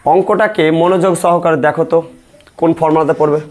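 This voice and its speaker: A man's voice: on the high side, fairly even intonation, fairly quick, a little mellow. A male math teacher leading a classroom lesson, asking questions and repeating the answers step by step. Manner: repetitive call-and-response questioning.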